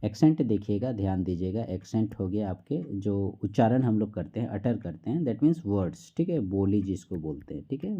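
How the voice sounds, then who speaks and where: A man teaching a class quiz, who reads each question slowly and keeps checking in with the listener. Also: on the low side, dark tone, dull audio. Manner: repeats "theek hai" often, reads questions slowly.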